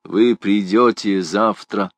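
A man voicing a stern, brooding older archdeacon in an audiobook, low, clipped and grim. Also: takes it slowly, no echo. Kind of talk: audiobook character reading.

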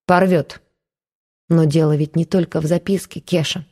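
A woman voicing a calm, steely man who speaks quietly and measuredly, in an audiobook. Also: sits low, normal speed. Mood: cool.

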